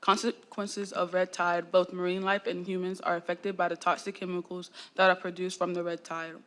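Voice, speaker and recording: A woman's voice: lowish voice, moderate pace. Young woman from Florida reading a presentation. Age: young adult. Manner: steady, read-aloud delivery. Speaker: student presenter.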